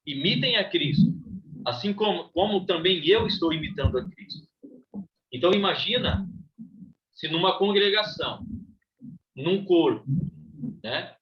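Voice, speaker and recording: A Brazilian man teaching a Bible class, reading passages aloud and then explaining them in a conversational way, often tagging sentences with "né?". His voice sits a little high for a man. The recording is slightly dull, with faint noise behind him. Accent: Brazilian Portuguese. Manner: reads scripture aloud, then explains with frequent "né?".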